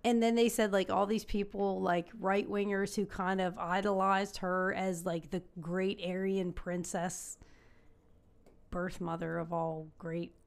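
A woman's voice: mid-range voice, little pitch movement, unhurried, gravelly. A woman co-hosting a podcast, chatting casually with many ums, explaining things at length. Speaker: podcast co-host. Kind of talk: casual chat.

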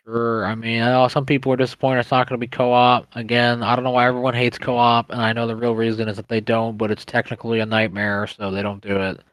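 A man's voice: mid-range voice, flat delivery, fast talker, hardly any pauses, fairly bright tone, no room sound, poor audio. Blunt guy, close dry sound. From Queens, New York. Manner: blunt, sweary, joking. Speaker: podcast co-host. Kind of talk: casual gaming chat.

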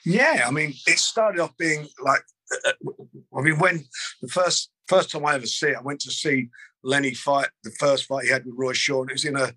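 Older man, husky and close-miked, rambling guest recalling the past. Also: medium pitch, moderate pace, pushed and bright, no room sound, rough recording. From London. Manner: rambling, frequent restarts and fillers. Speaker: boxing promoter. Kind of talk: interview, reminiscing.

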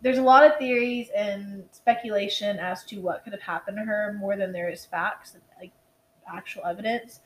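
A woman's voice: mid-range voice, steady tone, normal speed, a little hiss or hum, rough recording. A tired young woman co-hosting a casual true-crime podcast, rambling, swearing and restarting her sentences. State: tired, yawning. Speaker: podcast co-host.

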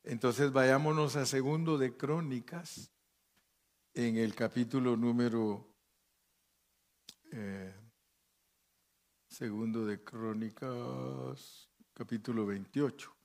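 A man's voice: mid-range voice, fairly even intonation, slow, pauses often, darkish tone. A man preaching as a pastor, reading scripture aloud and commenting between the verses, often checking in with his listeners with short questions. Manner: checks in with listeners by asking "¿sí?" and "¿verdad?". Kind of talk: sermon with Bible reading.

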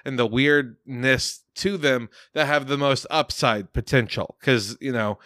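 A man's voice: mid-range voice, measured pace, fairly bright tone, no echo, studio quality. A man in casual podcast chat, sardonic and profane, often laughing mid-sentence while reacting to trailers. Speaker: podcast co-host.

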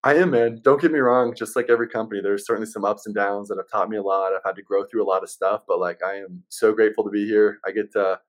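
Male sales rep guest, fairly low voice, conversational and easygoing, explains like a practiced seller. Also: steady tone, fast, hardly any pauses. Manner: easygoing, salesman-like explaining, says man and right often. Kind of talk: casual chat.

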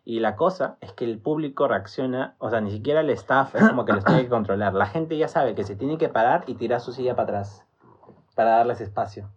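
A young Peruvian man co-hosting a podcast, telling stories in relaxed, crude slang. His voice sits at an ordinary middle pitch. The recording is dull and lo-fi. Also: a little fast, slightly rough. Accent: Peruvian Spanish. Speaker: podcast co-host. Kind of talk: casual chat.

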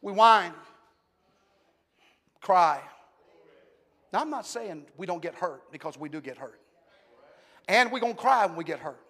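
High-voiced preacher with long reverb. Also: male voice, animated, unhurried, long pauses. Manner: swings from hushed to shouted preaching. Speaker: pastor. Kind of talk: Pentecostal sermon. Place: large church sanctuary.

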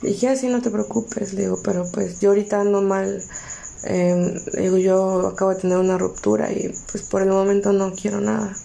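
A young woman with a Mexican accent tells her own story in a low, mellow voice with a gravelly edge. She keeps her pitch fairly flat and talks candidly, as if confiding in a friend, and repeats each conversation word for word. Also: a little fast. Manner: candid, conversational, reports dialogue directly. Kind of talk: personal storytelling.

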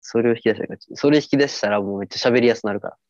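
This is a man speaking with a Kansai accent in a relaxed comedic chat. He teases his co-host with quick comebacks. The sound is dry and a little dull, as in a lo-fi home podcast. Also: fairly low pitch, no echo. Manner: joking, teasing, quick comebacks.

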